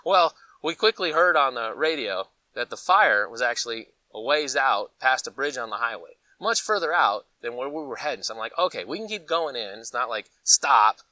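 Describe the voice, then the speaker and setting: A medium-pitched man from Colorado, United States, chats at a moderate pace with hardly any pauses as host of a preparedness gear vlog. His casual, rambling talk is animated and folksy, with acted-out asides in his storytelling. The audio is poor, captured from a distance with no room sound.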